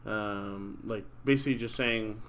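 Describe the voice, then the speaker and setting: Rambling, profane young podcast host. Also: male voice, fairly low pitch, steady tone, a little slow, fairly bright tone. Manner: rambling, profane, heavy use of "like". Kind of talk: casual chat.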